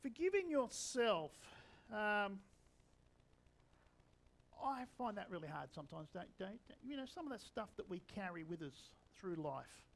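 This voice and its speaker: A man's voice: sits high, very animated, a little slow, creaky, poor audio. A man in his sixties, a preacher giving a conversational sermon with wry humour. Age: 60s.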